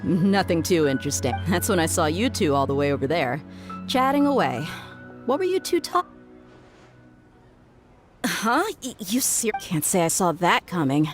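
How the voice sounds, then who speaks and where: A woman playing a confident, easygoing desert mercenary in a video game, relaxed and teasing in manner. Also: on the low side, moderate pace, faint music behind, lightly acted. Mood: friendly teasing, then surprised, warm.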